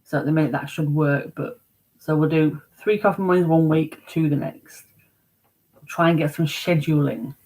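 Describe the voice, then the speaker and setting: A woman hosts a casual morning livestream from home, rambling chattily about her week and reading viewers' chat comments aloud to answer them. Her voice is low-pitched and darkish, with fairly even intonation at a moderate pace. The recording is rough.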